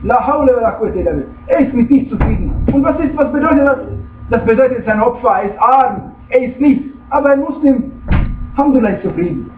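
A man with a very high voice preaches emphatically and keeps checking in with his listeners. He sounds distant from the microphone in an echoey room. The recording is thin and phone-like, with a faint hum underneath. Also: animated, fast talker. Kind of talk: religious lecture. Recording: tinny, echoey room, far from the mic.

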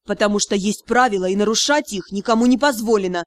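A woman reading the part of a strict, quick-tempered female captain in an audiobook, with a sharp, scolding delivery. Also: medium pitch, no echo, close to an everyday voice. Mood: indignant.

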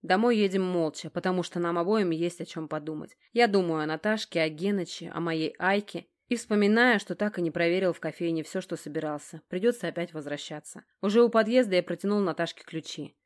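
A woman narrating a first-person novel in a measured storytelling manner. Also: lowish voice. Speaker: audiobook reader.

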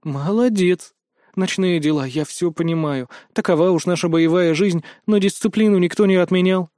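A man's voice: high-pitched, normal speed, dry recording, clean studio sound, lightly acted. Man playing a caring, disciplined woman mentor. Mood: gentle. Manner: gentle, instructive.

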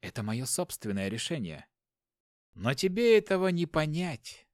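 A cold, defiant wife speaks, played by a male narrator in a firm, quiet voice. Her delivery is measured and steady, with a close, dry sound. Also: fairly high pitch, dry recording. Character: defiant woman, the inspector's wife.

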